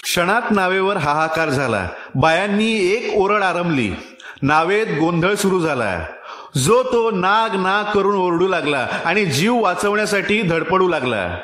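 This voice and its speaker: A man with a Marathi accent reads a village short story aloud with expressive, dramatic delivery. His voice sits a little high for a man, and the recording has a clear room echo. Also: unhurried. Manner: expressive, theatrical reading. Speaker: story reader.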